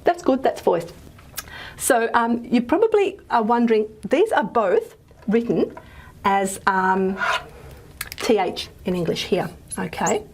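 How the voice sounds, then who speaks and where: A woman's voice: fairly high pitch, animated, slow pace, pauses often, a little hiss or hum. Chatty woman teaching phonetics. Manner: casual, many ums, checks in with "okay?"; sounds out example consonants while she writes and erases. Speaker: phonetics lecturer. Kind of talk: recorded lecture at a whiteboard.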